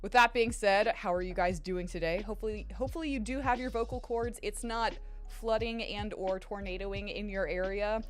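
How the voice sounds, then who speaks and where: A young woman streamer, medium-pitched and fairly even in intonation, talks at a normal speed as she casually rambles to viewers and swears freely, her voice strained and tired. Faint background music can be heard.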